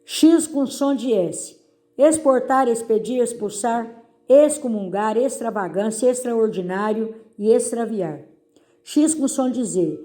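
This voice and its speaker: A middle-aged woman, a teacher going over exercises in a recorded lesson and stressing each word slowly for her pupils. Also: on the high side, lively intonation, mellow.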